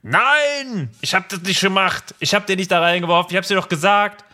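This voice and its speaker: A man voicing an indignant teenage boy who insists, loud and high, that he is innocent. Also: a little fast.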